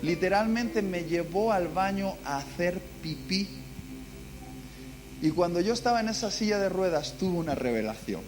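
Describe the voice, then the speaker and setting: Spanish-accented man, live church sermon, dramatic storyteller; higher voice, clear piano under him. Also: animated, normal speed. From Basque Country, Spain. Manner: dramatic storytelling, acting out cries of pain. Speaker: preacher.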